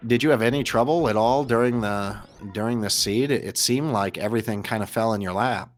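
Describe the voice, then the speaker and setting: An American host and commentator covers a live gaming race, interviewing people and commentating in a casual, chatty, jokey manner. His voice is mid-range and fairly quick, with soft music playing in the background.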